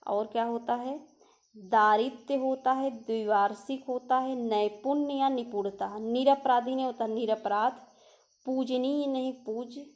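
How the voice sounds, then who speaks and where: A woman's voice: on the high side, darkish tone. A young woman teaching an exam-prep spelling lesson, going through words one by one and asking rhetorical questions. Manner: drills word by word, asks rhetorical questions. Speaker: Hindi teacher.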